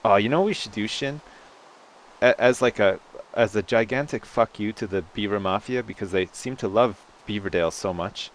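A man's voice: on the low side, normal speed. A man co-hosting a gaming video with casual, jokey commentary, rambling, swearing and playing up the drama.

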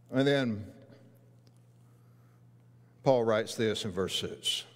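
Earnest preacher in a reverberant sanctuary. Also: male voice, on the low side. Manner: earnest, rising to emphatic rhetorical questions, walking the stage. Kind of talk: sermon. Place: large church sanctuary. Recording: long reverb of a church hall.

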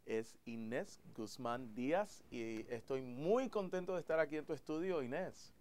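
A man hosting a friendly language TV interview, chatting in an animated way with fillers. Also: mid-range voice, a little slow. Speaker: TV show host. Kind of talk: casual interview.

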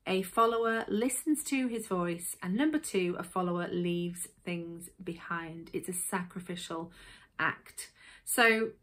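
An earnest woman with a Yorkshire accent leads a weekly devotional, speaking at a middle pitch. She talks in a reflective way and keeps turning questions back to the listener. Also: fairly bright tone. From England. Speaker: devotional host. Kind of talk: devotional talk.

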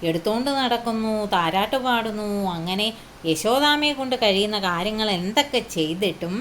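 A woman telling a devotional story in an unhurried, casual way, pausing often and asking the listeners questions. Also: medium pitch, expressive, a bit bright, a little hiss or hum.

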